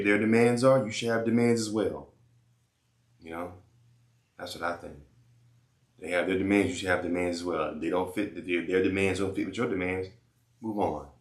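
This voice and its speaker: A man's voice: deep voice, roomy sound. A man giving blunt, repetitive life advice in casual slang, talking straight to his viewers. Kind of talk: casual advice monologue and phone chat.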